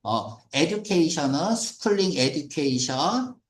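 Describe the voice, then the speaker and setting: A man's voice: on the high side, lively intonation, measured pace, roomy sound. A man teaching an English reading passage as a lecture, questioning the class and mixing English words into his explanations.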